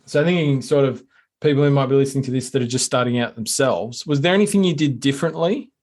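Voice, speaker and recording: A man's voice: medium pitch, fast, darkish tone. Male podcast host, mid-range voice, upbeat and conversational, does ad reads and interviews. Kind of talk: casual interview and scripted promo read.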